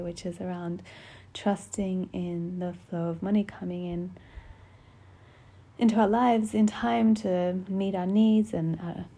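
Tender, soft-voiced woman with a creaky edge. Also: fairly low pitch. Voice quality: soft, gentle voice. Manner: tender, gentle and unhurried. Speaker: podcast host. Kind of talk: intimate solo podcast talk. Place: small closed bedroom at home. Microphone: podcast microphone.

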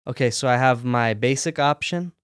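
A man who runs a sock company, talking through his business in a relaxed, practical way during an interview. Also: mid-range voice, normal speed, clear, resonant tone, no echo, studio quality. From United States. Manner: relaxed, practical, talks in run-on explanations. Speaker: sock company owner, guest. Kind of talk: casual interview conversation.

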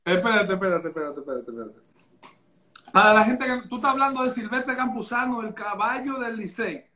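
High-voiced host who keeps interrupting. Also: male voice, lively intonation, brisk, pushed and bright. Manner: keeps interrupting to question the guest. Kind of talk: casual live show chat.

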